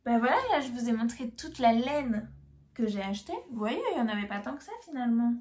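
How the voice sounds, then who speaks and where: A woman's voice: on the high side, fast, darkish tone. A young woman, chatting enthusiastically about her knitting purchases in a casual vlog. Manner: chatty and enthusiastic, many fillers. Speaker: knitting vlogger. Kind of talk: casual haul video.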